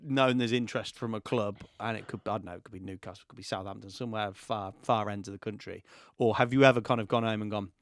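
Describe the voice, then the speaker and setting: A man co-hosting a casual podcast chat, asking quick questions and laughing easily. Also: lowish voice, steady tone, no echo, studio quality.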